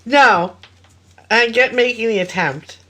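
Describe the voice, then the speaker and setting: A woman co-hosts a casual podcast. She speaks slowly in a bright, sharp voice, and her comments are blunt and sarcastic. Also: a little high. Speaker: podcast co-host. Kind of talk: casual true-crime podcast chat.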